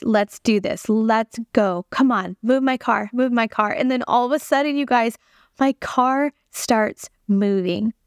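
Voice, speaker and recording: A woman's voice: mid-range voice, clear, resonant tone, no echo. Woman host, mid-range voice, earnest conversational testimony addressed to listeners, dry close sound. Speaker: podcast host sharing a testimony. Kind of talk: personal faith testimony storytelling.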